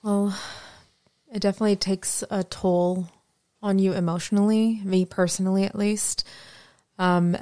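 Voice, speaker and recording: A woman guest on a podcast, speaking reflectively and hesitantly, with many pauses and fillers. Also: mid-range voice, level tone, mellow, dry recording, studio quality. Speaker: guest, host's fiancée. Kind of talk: personal conversation.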